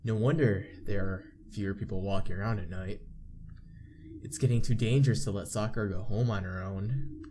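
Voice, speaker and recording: Over game background music, a man plays through a visual novel, reading its text aloud and adding casual remarks. He speaks at a moderate pace in a fairly low, mellow voice, with a little hiss or hum on the recording.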